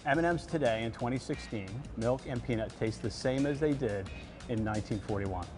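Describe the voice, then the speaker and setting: A middle-aged man, a company executive, calmly explaining facts in an interview. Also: medium pitch, a little fast. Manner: calm, factual. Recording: music bed underneath.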